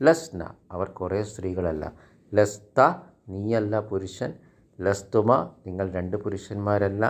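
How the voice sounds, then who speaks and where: A man from India, giving an Arabic grammar lesson. He speaks slowly through example sentences and asks his learners questions. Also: sits low, fairly even intonation, a little mellow. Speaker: Arabic teacher.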